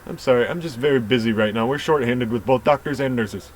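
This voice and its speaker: Guy reading game text out loud for a let's play, plain low-key voice, dry jokes here and there. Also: fast, a little hiss or hum, poor audio.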